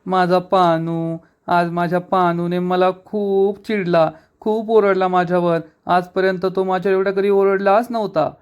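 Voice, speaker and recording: A lovesick young woman in a serial recap, emotional and bossy with her friend, voiced by a male narrator. Her lines come out high and eager. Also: flat delivery, a little slow, few pauses, smooth, lo-fi sound. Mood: upset.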